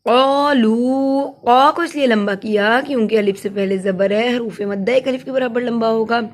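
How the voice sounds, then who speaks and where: A woman's voice: on the high side, a little hiss or hum. A woman teaching Quran recitation rules in a patient, step-by-step manner, sounding out letters and explaining each one. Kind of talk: tajweed lesson, slow recitation then explanation.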